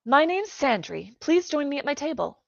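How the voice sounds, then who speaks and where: Woman doing a brisk, proper little noble girl. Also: high-pitched, very animated, vocal fry, no echo, voice pushed up, full character voice. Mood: proper, firm. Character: young noble girl, brisk, kind, stubborn. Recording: dry, dull lo-fi recording.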